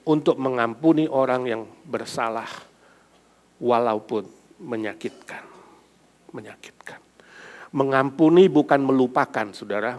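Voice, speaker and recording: A male pastor preaching a sermon, swinging from loud emphatic build-ups to soft, low asides and mixing in casual speech. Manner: mixes casual speech and English phrases into preaching. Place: church sanctuary.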